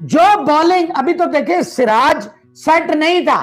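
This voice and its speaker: A man's voice: very high voice, expressive, unhurried, fairly bright tone, faint music behind, rough recording. A man from Pakistan, giving emphatic cricket analysis over a video call and mixing in English phrases. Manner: emphatic, mixes English phrases, repeats words for stress. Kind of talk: cricket debate commentary.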